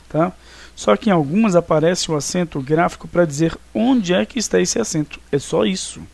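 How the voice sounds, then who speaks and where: A man's voice: a little high, a little mellow, no room sound. A male teacher gives a recorded grammar lesson. He explains step by step and keeps asking short checking questions like "right?". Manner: explanatory, asks questions and answers them, frequent "tá?" and "né?".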